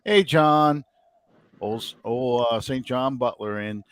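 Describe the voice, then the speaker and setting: A man's voice: medium pitch, slow, clear, resonant tone. A man from the New Orleans area hosting a casual sports podcast, rambling and thinking aloud with many ums. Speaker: podcast host.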